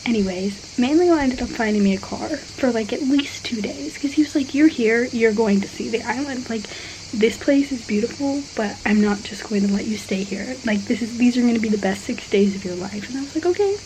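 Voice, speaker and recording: A young woman in her twenties telling a travel story to camera, animated and laughing, acting out the people she quotes. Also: fairly high pitch, a little fast, slight background noise, low-quality recording. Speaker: travel vlogger.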